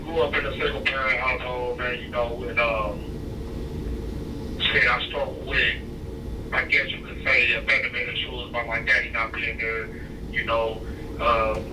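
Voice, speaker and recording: Heard through a noisy, echoey prison phone line, this Ohio man speaks at a moderate pace in a mid-range voice with a level tone. In a casual interview he sounds laid-back and slangy, leaning on plenty of fillers.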